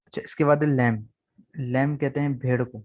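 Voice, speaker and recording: A man's voice: mid-range voice, fairly even intonation, normal speed, a little mellow, slight background noise. A man who teaches English in an online class, patiently spelling words letter by letter and repeating them. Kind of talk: online lesson. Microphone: video call. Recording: slightly dull video-call audio.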